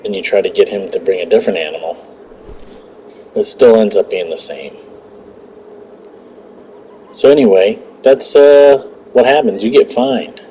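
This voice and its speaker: A man talks through a hunting game in a relaxed, rambling way, often restarting his words. His voice sits low and mellow, with a bit of game sound faintly behind him. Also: measured pace, long pauses, slight background noise, poor audio. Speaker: gaming channel host. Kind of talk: casual gameplay commentary.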